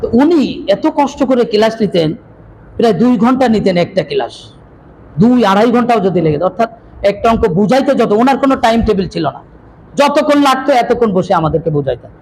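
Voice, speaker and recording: A man teaching a Quran reading class, drilling letter rules loudly and having the students repeat after him. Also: very high-pitched, animated, fast talker, rough recording. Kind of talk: classroom teaching with call and response. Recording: loud room noise and crowd.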